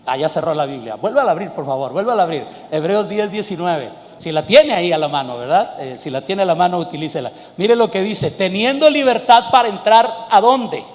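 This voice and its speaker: Man, middle-aged pastor, Mexican accent, high-pitched voice, lively sermon, shouts then softens, long church-hall reverb. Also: a little fast, hardly any pauses. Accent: Mexican Spanish. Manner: lively preaching that swings from shouting to soft storytelling.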